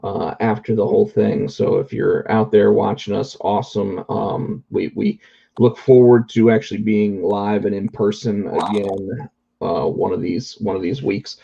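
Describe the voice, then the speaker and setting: A man's voice: on the low side, fairly even intonation, measured pace, vocal fry, mellow, breathy edge, lo-fi sound. A man co-hosting a casual talk show remotely from home, chatting conversationally. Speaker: podcast co-host. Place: indoors at home, remote call.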